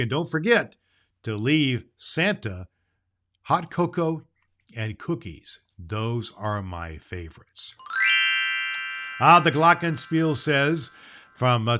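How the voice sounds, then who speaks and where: A man's voice: medium pitch, a bit bright. A man playing a jolly, grandfatherly old Santa Claus, hosting a children's show in a folksy, emphatic way. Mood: jolly, kindly. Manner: folksy, emphatic, drawn-out phrases with hearty ho-ho-hos. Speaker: show host.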